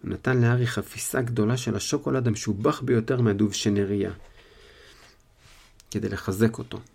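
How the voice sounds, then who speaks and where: A man tells a story in a relaxed, casual way, retelling it in his own words with small fillers. His voice is gravelly and mellow at a medium pitch.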